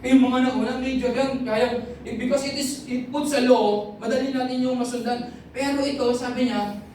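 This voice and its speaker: A woman preaches in a lively storytelling way and often mimics the people in her stories. Her voice comes from a distance and rings around a large, very echoey hall. A faint hum of ambient noise sits underneath. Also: sits high, normal speed. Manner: lively storytelling, imitates others, frequent fillers. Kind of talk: sermon mixing Tagalog and English.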